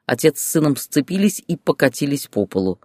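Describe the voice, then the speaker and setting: A man narrating an audiobook story in a steady, expressive reading. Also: a little high, brisk, no echo, clean studio sound.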